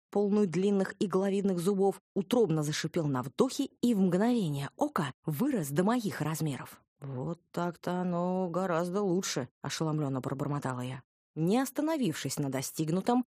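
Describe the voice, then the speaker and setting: A woman reads a fantasy audiobook in the first person, with dry irony. Her voice sits low and sounds husky. It is recorded close and dry, with no room echo. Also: darkish tone. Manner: wry, ironic storytelling. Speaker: audiobook narrator.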